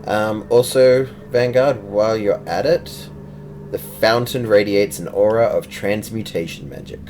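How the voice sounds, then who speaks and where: A man's voice: on the low side, unhurried, a little mellow. A man acting as game master, casually narrating a tabletop game. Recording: clear background noise.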